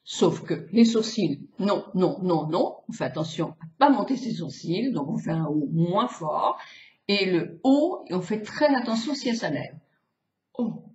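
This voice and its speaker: A woman's voice: fairly low pitch, very animated, a little mellow. Older woman coaching face exercises, roomy sound. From France. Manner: chatty, demonstrative, drawn-out vowel sounds. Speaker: beautician. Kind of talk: casual face-exercise tutorial. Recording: roomy, slightly dull home video.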